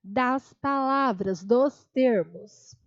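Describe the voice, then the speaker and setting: A woman's voice: a little high, drawn-out words, muffled recording. A woman with a Brazilian Portuguese accent teaching a grammar lesson for exam prep, explaining step by step, repeating key terms and checking in with her students. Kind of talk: online exam-prep lecture.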